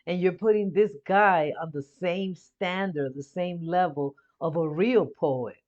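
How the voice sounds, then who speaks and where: A woman's voice: lowish voice, slow, darkish tone. Bilingual woman chatting in a muffled recording. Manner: switches between Spanish and English mid-thought; chatty, restarts and repeats words while thinking aloud. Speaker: reaction video host. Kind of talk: casual reaction commentary.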